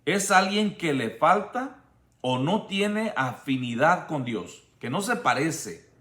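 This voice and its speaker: A man giving a slow, measured Bible-study sermon, often restarting his sentences as he explains. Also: fairly high pitch, big pitch swings, a bit bright, reverberant. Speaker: preacher.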